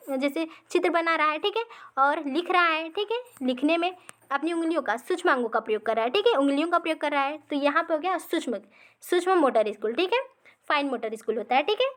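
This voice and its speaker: High-pitched teacher lady going over exam questions, slow, repeats everything. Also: a bit bright. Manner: explains slowly, repeats points, says "ठीक है" after nearly every line. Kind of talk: recorded exam-practice lesson.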